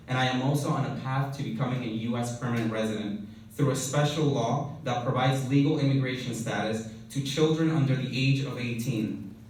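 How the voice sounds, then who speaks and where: A young man from Honduras giving a keynote speech, reading prepared remarks in a measured, earnest way. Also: mid-range voice, a little mellow. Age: young adult. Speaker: keynote speaker. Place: event hall. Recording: very echoey hall from far off, faint noise.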